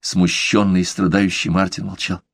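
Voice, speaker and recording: A man narrating a literary novel in a measured, expressive reading. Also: deep voice. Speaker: audiobook narrator.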